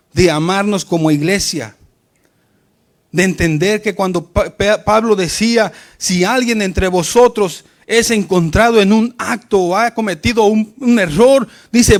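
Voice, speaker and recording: High-voiced man preaching a sermon. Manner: preaches with rising and falling emphasis, often addressing "querido hermano".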